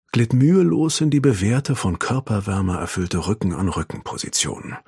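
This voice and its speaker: A man narrating a literary novel in an expressive, measured storytelling manner. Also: mid-range voice, husky, no room sound, studio quality. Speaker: audiobook narrator.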